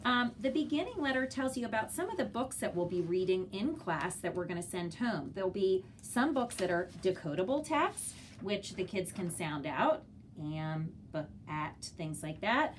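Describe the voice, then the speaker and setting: A woman's voice: mid-range voice, big pitch swings, normal speed, hardly any pauses. Woman teacher explaining over background noise. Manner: simple step-by-step explaining, sounding out words. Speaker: kindergarten teacher. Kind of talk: instructional walkthrough for parents.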